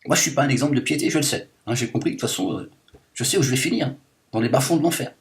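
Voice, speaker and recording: With lively intonation and a racing delivery close to his everyday voice, a man at medium pitch impersonates a woman who declares herself liberated. The satire comes as a rambling, filler-packed rant of mock indignation, the mood indignant throughout.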